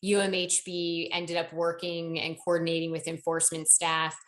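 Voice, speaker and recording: Woman, slightly low voice, corporate training webinar presenter, conversational, explains by example. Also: completely flat delivery, normal speed. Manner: conversational, walks through examples.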